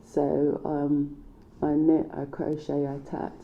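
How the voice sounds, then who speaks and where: A British woman with a low voice and a very dark, soft tone talks conversationally, as if chatting with herself. The sound is slightly dull and echoes like a stairwell. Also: completely flat delivery, slow pace, a little hiss or hum. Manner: conversational, playfully questioning herself. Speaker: knitter and textile researcher giving a talk. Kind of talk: self-filmed talk staged as a conversation with herself. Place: indoor staircase at home.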